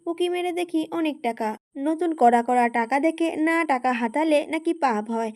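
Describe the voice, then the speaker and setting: A woman's voice: high-pitched, normal speed, darkish tone, close to an everyday voice. A woman voicing a playful, teasing young woman who wheedles and begs her cousin for favors. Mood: wheedling.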